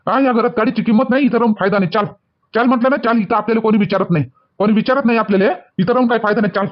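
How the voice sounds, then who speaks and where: A man's voice: sits high, steady tone, rapid-fire, natural voice. A man with a Varhadi Marathi accent playing a touchy young son-in-law who scolds and repeats himself, angry at feeling slighted. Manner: shouting, repetitive scolding. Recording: dull lo-fi sound.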